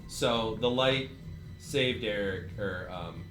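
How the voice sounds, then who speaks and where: A man playing a tabletop game, talking casually and haltingly in an echoey room with loud music behind. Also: fairly low pitch.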